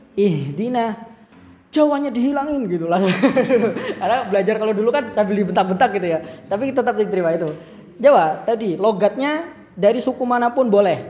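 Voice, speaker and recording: A man's voice: high voice, darkish tone, long reverb tail. A Javanese man teaching a Quran recitation workshop, modeling letter sounds and explaining casually. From Java, Indonesia. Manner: drills syllables, then explains casually.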